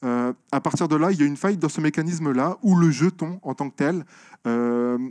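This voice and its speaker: A man speaking at a conference, answering audience questions with many pauses and restarts. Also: fairly high pitch, a little mellow, dry recording. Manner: hesitant, many fillers and restarts, explanatory. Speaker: conference speaker on software security. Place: lecture room.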